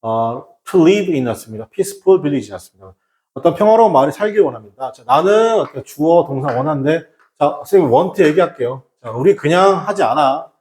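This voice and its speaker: Lively intonation and a slightly high pitch mark this man's recorded English grammar lecture, delivered at normal speed in a roomy-sounding space. He raises rhetorical questions and answers them himself, moves between casual and polite speech, and performs shouted warnings to drive points home.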